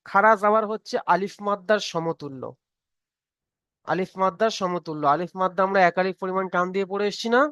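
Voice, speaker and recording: A man leads an online reading lesson, patiently repeating each point and asking whether everyone has understood. His voice sits high and sounds clear. The sound is dry and close to the mic. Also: fast talker, a bit bright, dry recording. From Bengal. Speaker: Quran reading teacher. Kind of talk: online tutoring class.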